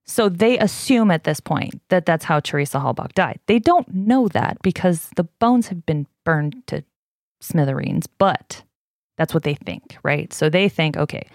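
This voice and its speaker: Middle-aged woman host, casual and heated, low-ish pitch, dry mic. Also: a little slow, no room sound. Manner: animated, gets heated and swears. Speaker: podcast host. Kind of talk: casual chat retelling a case.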